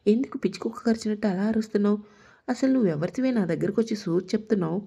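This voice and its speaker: A woman's voice: medium pitch, fairly quick, mellow, husky. A woman voicing a hurt, stubborn young woman who talks back bitterly, in a narrated audio story. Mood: fierce. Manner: defiant, bitter.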